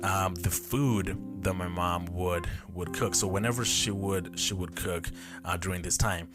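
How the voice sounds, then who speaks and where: Speaking at a measured pace in a low voice over music, a podcast host in his twenties shares childhood stories on his own. He wanders and self-corrects as the thoughts come, captured through a camera mic.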